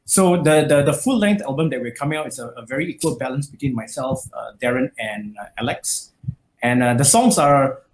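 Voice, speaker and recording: A Malaysian metal musician chats casually in an interview, his medium-pitched voice moving a little fast. He rambles, full of fillers and restarts. The room is echoey, with faint noise.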